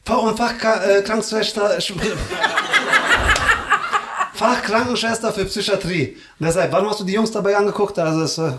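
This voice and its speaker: A man's voice: sits high, moderate pace. A man doing live stand-up crowd work on a comedy club stage, teasing the audience in slangy street talk. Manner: slangy and teasing, drops "Alter" and "Digga" constantly. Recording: echoey club room with loud hiss and clicks.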